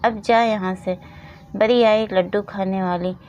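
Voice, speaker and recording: A woman voicing a harsh, taunting stepmother in a storybook reading, with a shrill scolding manner. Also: fairly even intonation, unhurried, a little mellow, natural voice. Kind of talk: storybook narration with voiced roles.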